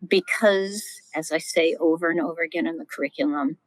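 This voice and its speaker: A middle-aged woman, a scholar and podcast guest, teaching in a lively, vivid storytelling way with frequent exclamations. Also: low-pitched, brisk, dry recording, low-quality recording. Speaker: guest Old Testament scholar.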